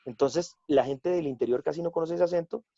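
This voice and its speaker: A man with a Colombian accent chatting casually as a guest actor and director, telling lively stories and acting out other people's lines. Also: on the high side, fairly quick, no room sound. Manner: animated storytelling, drops into quoted voices. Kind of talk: casual chat. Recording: dull lo-fi, dry sound.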